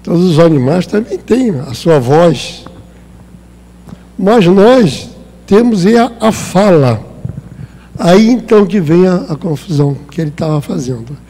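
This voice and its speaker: A man's voice: high-pitched, animated, a little slow, mellow. A man with a Brazilian Portuguese accent giving a conversational spiritist talk, acting out little dialogues as he teaches. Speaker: spiritist lecturer. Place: spiritist center hall. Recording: long hall reverb.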